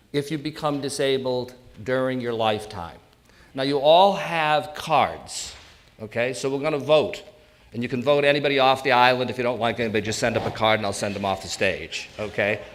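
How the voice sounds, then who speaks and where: This presenter is a New England elder law attorney in his sixties whose voice has medium pitch and a fairly bright tone. His live talk is informal, full of playful back-and-forth with the crowd.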